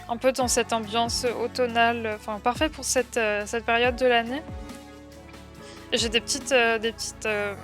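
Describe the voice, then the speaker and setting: A woman's voice: fairly high pitch, fairly bright tone. A young woman with a French accent, chatting casually on a livestream, reading out and answering viewers' comments with many fillers. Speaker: streamer.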